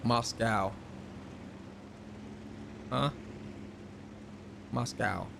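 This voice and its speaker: A man's voice: medium pitch, extremely slow, creaky, background noise. Laid-back slangy male streamer. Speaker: game streamer. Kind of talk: casual live-stream chat.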